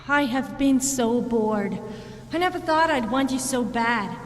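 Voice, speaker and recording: Woman playing Sofia, slow flirty companion in reverb. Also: on the high side, lively intonation. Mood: flirty, teasing. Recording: long hall reverb, background noise.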